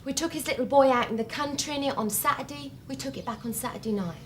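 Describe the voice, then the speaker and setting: A woman's voice: high voice, fast talker, a little hiss or hum, close to an everyday voice. An actress playing a curt, defensive young woman being questioned by police in a 1990s British drama.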